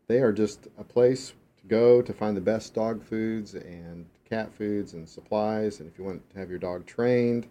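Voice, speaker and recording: Man, radio co-host, casual chat, low voice, mellow tone, easygoing, explains at length. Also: measured pace, muffled recording. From Texas.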